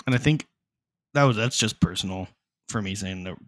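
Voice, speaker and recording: A man with a fairly low voice, recorded dry and close. He chats casually as a podcast co-host, plain-spoken and given to the odd swear word. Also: a little fast, a bit bright, dry recording. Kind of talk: casual chat.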